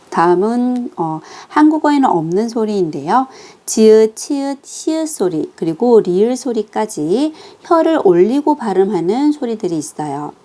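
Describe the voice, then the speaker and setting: Female language teacher, mellow tone, patient and methodical, drawn-out pronunciation drills. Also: medium pitch. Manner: patient, slow demonstrations of pronunciation. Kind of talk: recorded online lesson.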